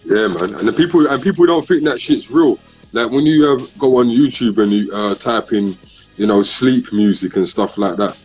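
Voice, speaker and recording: A husky man speaks in a London roadman accent, full of street slang. He chats casually on a group livestream. The sound is dull and muffled, with faint music underneath. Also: medium pitch, moderate pace, a little mellow.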